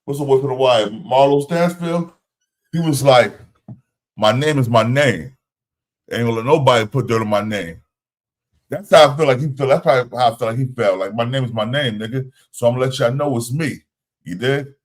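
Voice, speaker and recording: A man in his forties speaks at a middle pitch. He talks in a laid-back, drawling way, chatting casually with guests on a livestream. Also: fairly quick. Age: 40s. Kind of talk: casual chat.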